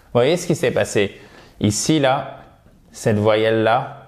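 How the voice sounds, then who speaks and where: A French-speaking man giving a video English lesson, repeating words slowly and checking with "ok?" often. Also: fairly low pitch. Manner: repeats words slowly to drill them, frequent "ok?". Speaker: English teacher. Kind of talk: video lesson, explaining and modelling pronunciation.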